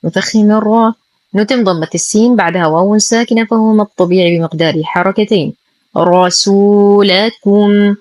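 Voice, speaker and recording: A woman teaching Quran recitation, who alternates brisk rule explanations with very slow, carefully drawn-out model readings. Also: mid-range voice, a little mellow, no room sound.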